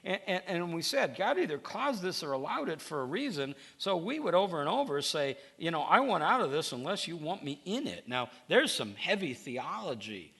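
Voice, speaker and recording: A middle-aged man preaching a conversational sermon, his pitch leaping around as he tells stories and voices the people in them. His tone is bright and forward, with a gravelly edge at the ends of phrases. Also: big pitch swings, normal speed, few pauses. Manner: storytelling, acts out quoted dialogue, frequent restarts. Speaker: pastor.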